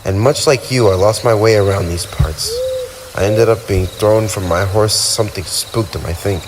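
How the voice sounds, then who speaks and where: In this ASMR monologue aimed at the listener, a man voices a brooding, lonely tsundere vampire, centuries old and proud but wounded, in a low voice close to his everyday one. He speaks at a moderate pace, wistful and resigned, using formal, theatrical lines broken by sighs. Behind him is a noisy night backdrop of crickets and owls.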